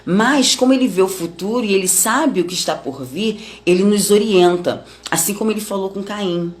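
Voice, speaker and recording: A woman's voice: medium pitch, normal speed. A middle-aged woman giving an informal Bible lesson in a conversational way, with family examples. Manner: conversational, many tag questions, explains with family examples. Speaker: Bible study teacher.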